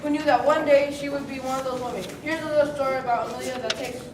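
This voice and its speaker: A woman's voice: high-pitched, steady tone, fast. A woman reading a scripted introduction aloud as presenter of an amateur play. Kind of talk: scripted speech read to an audience. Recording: roomy, distant mic, noise and audience sounds.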